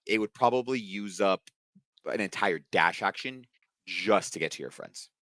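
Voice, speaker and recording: Low-voiced male game master, dry sound. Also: moderate pace, no room sound. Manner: relaxed, filler-heavy narration. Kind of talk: narrating a tabletop game.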